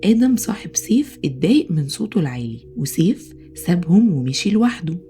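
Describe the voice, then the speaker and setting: A woman with an Egyptian accent narrating a children's bedtime story in an expressive storytelling manner. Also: on the low side, a little fast. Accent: Egyptian Arabic. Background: soft music.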